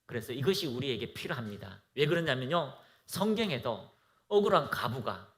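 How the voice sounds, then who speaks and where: A man's voice: mid-range voice, sing-song, moderate pace. A man preaching a fervent sermon as pastor of a church, exhorting and leading the congregation to recite aloud.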